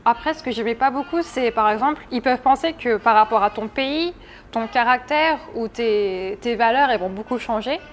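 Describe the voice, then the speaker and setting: Speaking at a normal speed with a fairly high pitch, a twenty-something woman from France gives a casual, frank interview. A slight hiss or hum is audible, and she often begins her sentences again.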